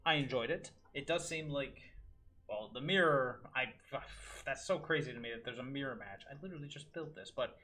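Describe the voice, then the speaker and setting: A man's voice: medium pitch, fairly quick, bright, forceful tone. A man giving casual gameplay commentary at home, muttering his thoughts aloud with dry little asides. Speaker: gaming video host. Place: room at home with window open.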